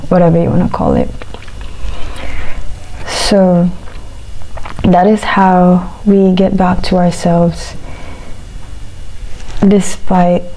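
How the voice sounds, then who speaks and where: Slow, mellow woman chatting over food. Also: on the low side, creaky, rough recording. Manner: chewing while talking; halting, pausing between short phrases. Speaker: vlogger. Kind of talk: casual reflective eat-with-me chat.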